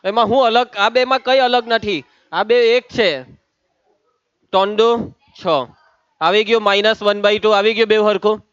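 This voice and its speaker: A man teaches a maths class in a high, clear voice, ribbing his students and calling on them by name as he works through the problems. The sound is dry and close, with slightly dulled highs. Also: steady tone, unhurried, pauses often, fairly bright tone, dry recording, muffled recording. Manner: teasing, calls on students by name. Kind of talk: lively classroom lesson.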